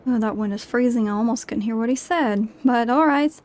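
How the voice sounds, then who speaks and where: A woman's voice: fairly high pitch, a little fast, a little mellow, slight background noise. A woman giving casual gameplay commentary as she role-plays through a video game. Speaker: gamer narrating a role-play playthrough.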